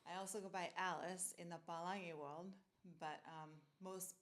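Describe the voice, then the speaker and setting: A middle-aged woman from Tonga, a brand founder talking casually in an interview, unhurried with fillers. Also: lowish voice, steady tone.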